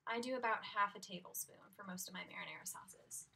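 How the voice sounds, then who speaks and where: Talking fast in a husky, mid-range voice with vocal fry, a young cooking instructor leads an easygoing, bright demonstration from her small home kitchen, moving as she goes. A laptop webcam placed at a distance picks up loud cooking noise and clicks.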